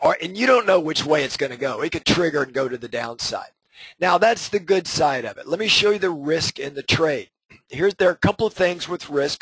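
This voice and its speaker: A middle-aged man talks his members through trade setups in an easy, conversational lesson, tossing in "okay?" and "right?" to check they follow. His voice is husky and sits a little high for a man. The sound is dry and close, with no room around it. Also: a bit bright, no room sound, low-quality recording. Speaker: trading group host. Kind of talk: casual market lesson over charts.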